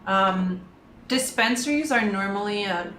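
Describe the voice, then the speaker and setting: A woman's voice: mid-range voice, a little slow, pushed and bright. A woman reporter explaining news in casual chat, thoughtful and hesitant with frequent ums. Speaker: business reporter, guest. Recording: echoey room, faint noise.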